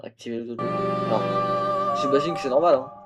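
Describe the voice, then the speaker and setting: A man's voice: mid-range voice, fairly quick, music in the background. Tired young man rambling on a stream. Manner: rambling, tired, self-talk with fillers and laughs. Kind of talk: casual gaming livestream chat. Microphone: phone used as camera.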